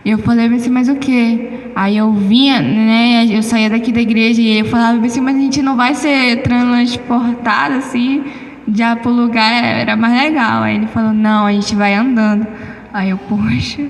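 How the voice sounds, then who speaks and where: A Brazilian woman with a fairly high voice tells her testimony in church, acting out each exchange as she goes. Her voice rings through a hall with a long reverb tail, with faint ambience behind it. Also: normal speed. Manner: animated storytelling, reenacting dialogue. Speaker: church member giving testimony. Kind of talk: spoken testimony.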